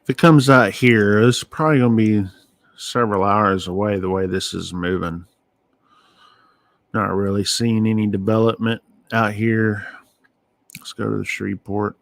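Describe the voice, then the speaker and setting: A man giving casual live weather radar commentary as an amateur streamer, thinking aloud in short, halting phrases. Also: lowish voice, steady tone, creaky, no echo, studio quality. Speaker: amateur storm-watching livestream host.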